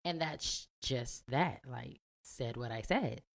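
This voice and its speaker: A woman's voice: very deep voice, slow, gravelly. A woman co-hosting a casual podcast, talking emphatically and with sass, often calling listeners "y'all". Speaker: podcast co-host.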